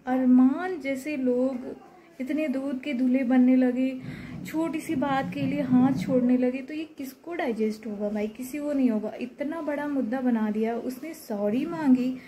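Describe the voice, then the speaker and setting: A woman's voice: high voice, a little slow, dark tone, low-quality recording. A woman vlogger, giving her opinion in a casual, emphatic and indignant way, repeating her points. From Uttar Pradesh, India.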